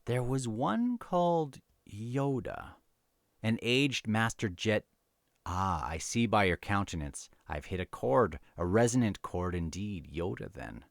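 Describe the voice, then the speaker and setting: A man's voice: lowish voice, animated, slow, gravelly, no echo, studio quality, pitched above the performer's own voice, heavily acted. A man voicing a cunning old evil emperor from a novel, with archaic, taunting phrasing. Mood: probing, taunting.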